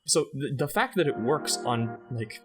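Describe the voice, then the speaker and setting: A man co-hosting a chatty music podcast. His voice is mid-pitched and swings widely as he jokes and laughs. Music plays under the talk. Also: measured pace. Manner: animated, laughs often, jokey tangents. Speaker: podcast co-host. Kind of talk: casual chat about game music.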